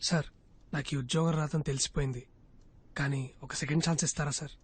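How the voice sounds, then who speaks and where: A man's voice: a little high, fairly even intonation, fast talker, husky. An actor playing a talkative, glib young man pleading for a job in a film scene. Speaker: job candidate. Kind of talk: Telugu film dialogue. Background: film score music.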